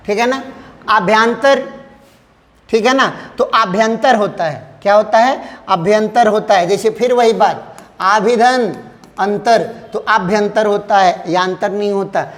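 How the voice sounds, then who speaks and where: A man's voice: high voice, in a large hall. A male teacher giving an exam-prep lesson, who keeps asking the class questions and answering them himself.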